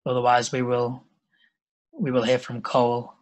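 Young adult male memorial host, mid pitch, little inflection, solemn and composed. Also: completely flat delivery, moderate pace, low-quality recording. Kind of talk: introducing speakers. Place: indoor room with shelves. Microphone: video call, computer microphone.

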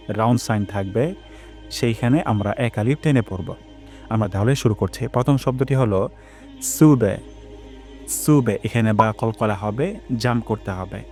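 A man leads a recitation lesson in an even, patient teaching voice. He stops often to chant short phrases slowly, drawing out the long vowels. Soft music sits faintly in the background. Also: mid-range voice. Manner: slow drawn-out chanting of Arabic phrases between calm explanations. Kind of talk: pronunciation lesson with recited examples.

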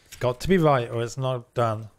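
A man's voice: mid-range voice, moderate pace. A man giving casual, chatty live gameplay commentary with some teasing. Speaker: game streamer.

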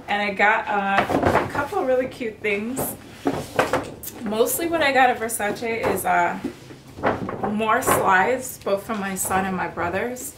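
A woman in her thirties chatting casually to camera in a room at home, bubbly and quick to laugh. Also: medium pitch. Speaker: fashion vlogger. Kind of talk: casual haul chat. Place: bedroom or apartment, indoors. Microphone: camera on tripod, mid-distance. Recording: roomy, noisy indoor recording.

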